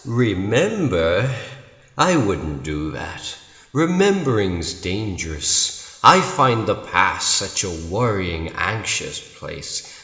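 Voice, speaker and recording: Manic clown supervillain: taunting, theatrical, slow and swinging wildly in pitch, in a reverberant room. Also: male voice, sharp tone, exaggerated voice. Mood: brooding, sinister. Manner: taunting, swooping, drawn-out delivery with cackles. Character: manic, mocking male comic-book supervillain clown. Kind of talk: theatrical villain monologue recital. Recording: echoey room with long reverb.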